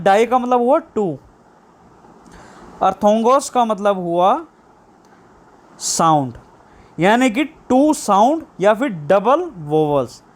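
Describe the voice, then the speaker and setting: A man teaching shorthand online, explaining slowly and repeating key terms as questions. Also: high-pitched. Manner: drawn-out stress on English terms. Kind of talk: online lesson.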